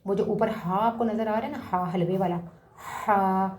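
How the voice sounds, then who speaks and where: Patient woman teaching letter sounds, echoey room. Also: medium pitch. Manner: patient, repeats each letter sound several times with pauses; drawn-out sounding of letters, louder on the examples. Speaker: Quran reading teacher. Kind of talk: slow spoken lesson for children.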